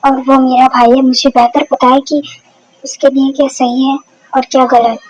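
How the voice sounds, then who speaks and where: A woman's voice: sits high, flat delivery, moderate pace, a little mellow, husky, poor audio. A woman voicing a hot-tempered young mafia boss who scolds sharply, in a Hindi dubbed fan story. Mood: irritated.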